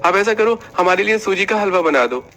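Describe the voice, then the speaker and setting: High-pitched young brother-in-law, pushy, coaxing, cartoon family story, as a male narrator puts him on. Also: lively intonation, fairly quick, bright, forceful tone, heavily acted. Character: young adult brother-in-law, demanding, teasing.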